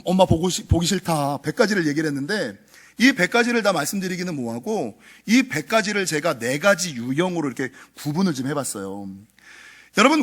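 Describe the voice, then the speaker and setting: Male pastor, Sunday sermon, high and lively delivery, acts out quoted parents. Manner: animated preaching, acts out scolding parents' voices; asks the congregation questions and answers them. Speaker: senior pastor. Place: church sanctuary.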